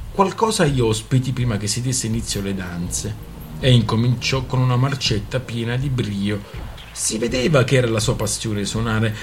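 A man's voice: mid-range voice, slight background noise. A man reading a novel aloud on a radio show in a storytelling manner. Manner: storytelling, acting out characters. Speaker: reader.

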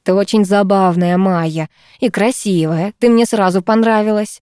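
A woman reading an audiobook, voicing a drunk, pushy young man in a low, coaxing, slurred murmur. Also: fairly even intonation, moderate pace, a little mellow, smooth, no room sound, studio quality, natural voice. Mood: drunk leering.

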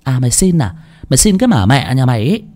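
Man doing a sneering, fast-talking rich wife. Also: medium pitch, very animated, warm tone. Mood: scornful. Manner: contemptuous, rapid tirade. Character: cruel, scornful rich wife.

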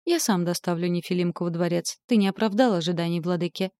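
Brutish male hell-demon, growling and menacing, in a dry, dark audiobook read, as a woman voices him. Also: lowish voice, quick pace, no echo, close to an everyday voice. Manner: growling, gruff threats.

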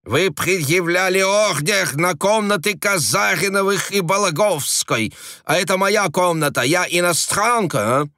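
A fiery middle-aged Parisian woman, as a male narrator puts her on, haughty and indignant. She is pitched far above his own voice and rolls her r's through a shrill, theatrical delivery. The audiobook recording is dry and close. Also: slow, hardly any pauses, fairly bright tone, no echo, heavily acted.

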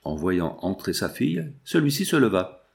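Un homme qui lit un roman à voix haute, de manière posée et expressive. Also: male voice, deep voice, moderate pace, vocal fry. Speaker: lecteur de livre audio. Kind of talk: narration de roman lue.

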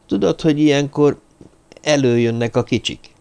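A man's voice: fairly high pitch, gravelly, a little mellow, clean tone, voice pushed up. A man voicing a superstitious, anxious male tavern keeper in an audiobook. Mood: questioning.

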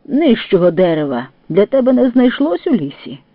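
A man's voice: high-pitched, very animated, moderate pace, no room sound, pitched above the performer's own voice. A man voicing a grumbling, scolding male paratrooper who tells off a comrade in a read-aloud story. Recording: tinny phone-like dry sound.

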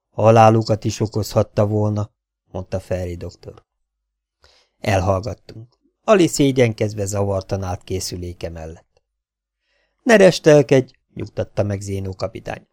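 A low-pitched man narrates a novel in a dry, close-miked recording with no room sound. He reads the prose evenly and lifts his voice sharply for the characters' exclamations. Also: gravelly, no room sound. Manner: voices each character's quoted lines with lively, rising emphasis. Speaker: audiobook reader. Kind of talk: audiobook narration of a science fiction novel.

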